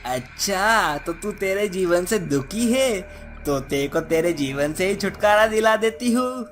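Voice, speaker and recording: A man voicing a female witch spirit of the forest, shrill and pleading. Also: lively intonation, a little slow, a bit bright, faint music behind. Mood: menacing.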